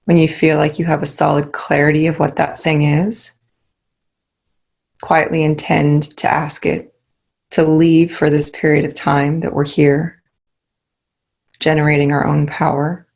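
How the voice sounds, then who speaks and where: Guiding a meditation, a woman speaks slowly and calmly in a low voice with a noticeable creak. She gives short instructions separated by soothing pauses.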